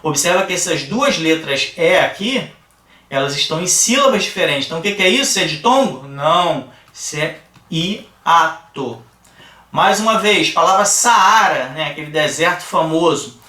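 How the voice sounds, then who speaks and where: A man with a Brazilian Portuguese accent teaching a grammar lesson, explaining slowly and asking the class rhetorical questions. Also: on the high side, animated, bright, forceful tone, far from the mic. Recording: echoey room, voice a bit off-mic.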